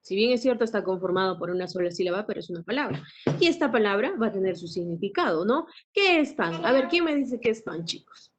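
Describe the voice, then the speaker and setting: A woman teacher lecturing a class, often asking tag questions and clearing her throat. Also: medium pitch, lively intonation, fast, a little hiss or hum. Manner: asks frequent tag questions. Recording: dull lo-fi recording.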